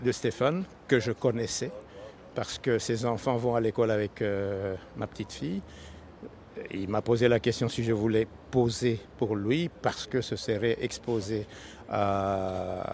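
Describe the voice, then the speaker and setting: An older man from Congo answering interview questions in a measured, deliberate way, outdoors at a city station. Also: medium pitch, darkish tone, slight background noise.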